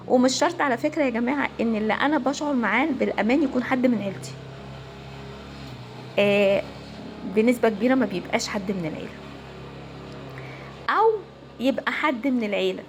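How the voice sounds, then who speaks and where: A woman family counselor with an Egyptian Arabic accent, giving a casual, animated talk to viewers. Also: fairly high pitch, a little hiss or hum. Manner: animated, conversational, acts out quoted voices.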